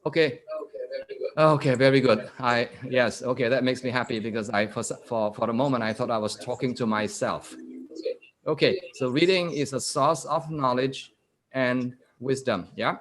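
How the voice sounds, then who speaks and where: Man, guest lecturer, interactive online lecture, video call mic, middle pitch, quizzes the audience, slow repeated statements. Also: fairly bright tone.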